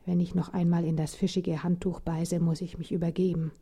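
Eine Frau, die ein verängstigtes Mädchen spricht, das leise und flehend betet. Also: female voice, lowish voice, level tone, brisk, breathy edge. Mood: pleading. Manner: pleading, hushed. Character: frightened young girl praying quietly.

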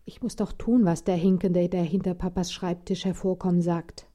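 Eine Frau, die ein verängstigtes Mädchen spricht, das leise und flehend betet. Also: female voice, on the low side, little pitch movement, normal speed, natural voice. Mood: pleading. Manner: pleading, hushed. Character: frightened young girl praying quietly.

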